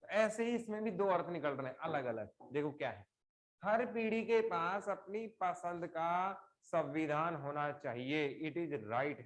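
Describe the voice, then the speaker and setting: A middle-aged man leads a live online class, his voice pitched on the high side. He explains things slowly, repeats examples, and asks his students questions.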